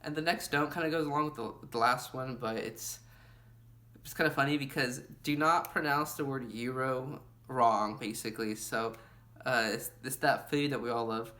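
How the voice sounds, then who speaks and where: A man's voice: medium pitch, normal speed, pushed and bright. A young man vlogging travel advice in a casual, rambling way, full of "you know" and "like". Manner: chatty, lots of fillers like "you know" and "like". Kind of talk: casual travel tips to camera.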